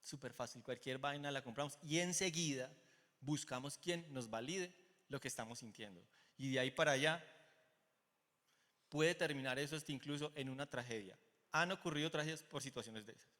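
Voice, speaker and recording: A middle-aged Colombian man preaching a sermon in a church auditorium, telling stories in an animated way and acting out the dialogue. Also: mid-range voice, fairly quick. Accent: Colombian Spanish. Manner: animated storytelling, acts out quoted dialogue. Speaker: pastor. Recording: long hall reverb.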